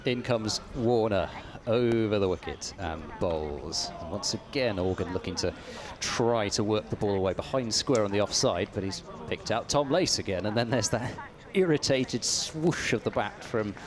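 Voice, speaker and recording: Against crowd noise, a fairly low-voiced man delivers ball-by-ball cricket commentary for radio at a moderate pace, barely pausing, with lively intonation. He stumbles and repeats words, yet his pitch climbs steeply when a shot comes and play heats up.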